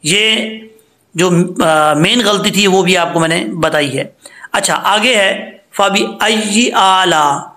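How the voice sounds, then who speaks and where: A man teaching recitation rules patiently, step by step, and chanting slow examples. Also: high voice, sharp tone. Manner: patient, explains step by step, then chants slowly. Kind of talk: tajweed lesson with recited examples.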